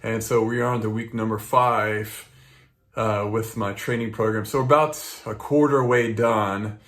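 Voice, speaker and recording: An American man talking casually to viewers as a running vlogger, halting and rambling as he goes. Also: lowish voice, fairly even intonation, fairly bright tone. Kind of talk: casual vlog talk to viewers.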